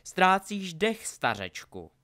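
A man's voice: mid-range voice, big pitch swings, fairly bright tone. A man voicing a sneering, hot-tempered adult male wizard in a storybook reading, taunting and biting. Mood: taunting, shouting.

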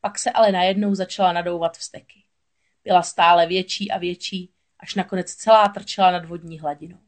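A woman narrating a children's storybook aloud in a steady, expressive voice. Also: on the low side.

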